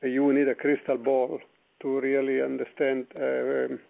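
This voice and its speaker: Man, company executive, very gravelly voice, tinny phone line, measured and hesitant. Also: medium pitch, completely flat delivery. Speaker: company executive on earnings call. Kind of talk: conference call answers.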